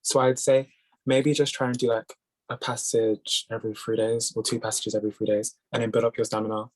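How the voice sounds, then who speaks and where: A young man in his late teens talks casually over a video call. He rambles through advice in a reassuring way, full of fillers. His voice sits at a middling pitch. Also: little pitch movement, brisk, a little mellow, rough recording. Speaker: host.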